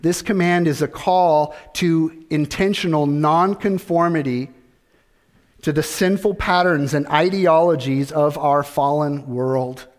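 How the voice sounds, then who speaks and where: Speaking in a steady tone, a middle-aged male pastor delivers his sermon deliberately and without hurry. His voice is somewhat high for a man, and he leans on repetition and rhetorical questions.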